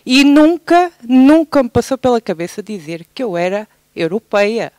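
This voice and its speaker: A woman's voice: a little high, big pitch swings, moderate pace, darkish tone, no echo. A Portuguese woman from the Algarve, speaking up from the audience with a hesitant, spontaneous delivery full of restarts. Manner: hesitant, many restarts and fillers. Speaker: audience member. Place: theatre hall.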